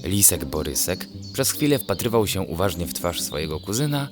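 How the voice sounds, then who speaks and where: In a very low voice, a man tells a children's bedtime story with gentle, measured, descriptive and sing-song narration. Music plays clearly behind him.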